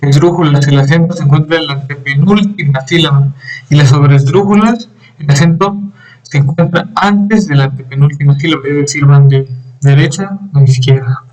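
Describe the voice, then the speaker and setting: Halting young man presenting grammar. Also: a little high, steady tone, a little mellow, low-quality recording. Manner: halting, with fillers and throat clearing. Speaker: student presenter. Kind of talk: reading a class presentation.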